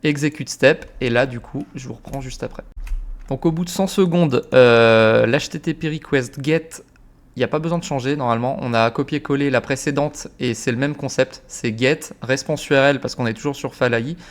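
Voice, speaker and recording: A young man talks through a screen-recorded tutorial in a loose, chatty manner. His voice sits at an ordinary middle pitch and he fills pauses with hesitations and casual slang as he works. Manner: relaxed, many fillers, informal slang. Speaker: automation tutorial creator.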